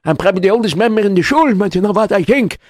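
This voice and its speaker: A man's voice: high voice, lively intonation, racing, dry recording, clean studio sound, pitched above the performer's own voice. A man voicing an elderly, fussy synagogue elder who repeats himself insistently. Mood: urging. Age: older.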